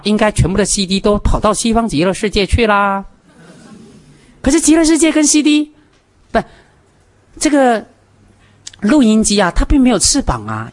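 A man teaching a Buddhist gathering, talking emphatically and counting off practical points one by one. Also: sits high. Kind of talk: Buddhist dharma talk to a gathering.

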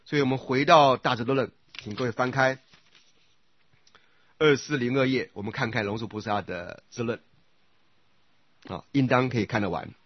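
Husky-voiced man teaching Buddhist scripture. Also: medium pitch, dry recording, muffled recording. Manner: often checks with listeners by asking "right?"; recites sutra phrases in slow repeated cadence. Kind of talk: sutra lecture.

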